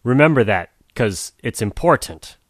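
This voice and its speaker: A man's voice: medium pitch, lively intonation, moderate pace, no room sound, clean studio sound, natural voice. A man doing a knowing little hedgehog. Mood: earnest. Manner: instructive, earnest. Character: prickly male hedgehog, cautious and knowing.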